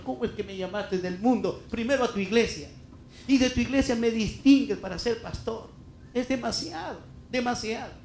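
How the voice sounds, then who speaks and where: A man's voice: high-pitched, a little mellow, echoey room, a little hiss or hum. A middle-aged Peruvian man preaching a heartfelt, emphatic sermon as a pastor, full of rhetorical questions. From Peru. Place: church hall.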